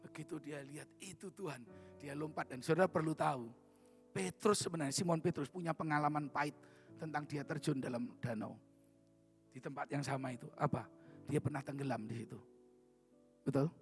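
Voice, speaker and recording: A man preaches a church sermon in a gravelly, slightly high voice. He calls for amens and swings from loud to soft. Soft instrumental music plays underneath. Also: a little fast, pauses often. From Indonesia. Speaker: pastor. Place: church worship service.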